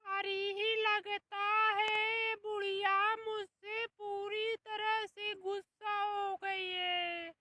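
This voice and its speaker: A performer voicing a sulky, sharp-tongued young daughter-in-law with a Bhojpuri-tinged accent in a comic skit, whiny and complaining. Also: very high voice, level tone, very slow, hardly any pauses, noisy background, exaggerated voice. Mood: scheming. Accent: Bhojpuri-tinged Hindi. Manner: complaining, wheedling, talks back.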